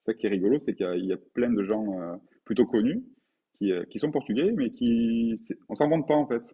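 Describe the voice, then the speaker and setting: A man's voice: mid-range voice, brisk, breathy edge, narrow, tinny audio. A man in his forties from France, talking earnestly as a podcast guest and repeating words for emphasis. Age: 40s. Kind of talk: conversational interview.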